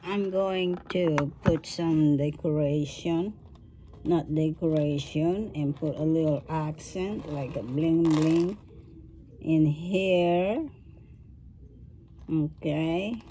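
Woman host of a craft tutorial, low mellow voice, very slow unhurried delivery, faint noise behind. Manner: slow, thinking aloud while working with her hands.

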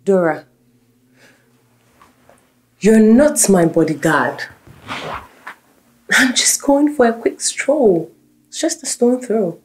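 Restless young wife, animated mid-range voice. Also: female voice, medium pitch, very slow, long pauses, a little hiss or hum. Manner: restless, questioning, with a wide-ranging voice. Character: confused young wife recovering after an accident.

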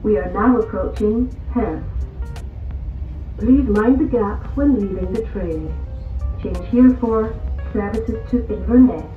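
A woman giving a recorded onboard train announcement over a loudspeaker, measured and formal. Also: medium pitch, narrow, tinny audio, over loud music. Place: inside a moving train carriage.

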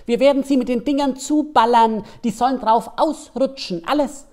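A man voicing a scheming, excitable male Easter bunny who plots in a conspiratorial way. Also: extremely high pitch, moderate pace, pitched above the performer's own voice. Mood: gleeful. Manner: gleeful, plotting.

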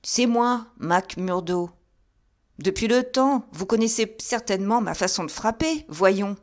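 A fretful, fussy gentleman, voiced by a woman reading an audiobook. He talks in a raised, higher register, insistent and uneasy. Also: animated, unhurried, close to an everyday voice. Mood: indignant. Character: nervous fussy gentleman of means.

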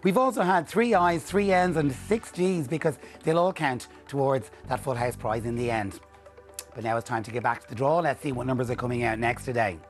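A middle-aged man presenting a TV bingo draw in a clear, measured, scripted style. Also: mid-range voice. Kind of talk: scripted game-show presenting, calling out numbers. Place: TV studio. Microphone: lapel mic. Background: music.

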